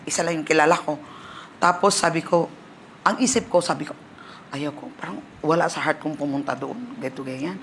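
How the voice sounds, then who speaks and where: Female Filipino pastor, animated testimony sermon, faint noise behind. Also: fairly low pitch. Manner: animated storytelling, switching between Tagalog and English.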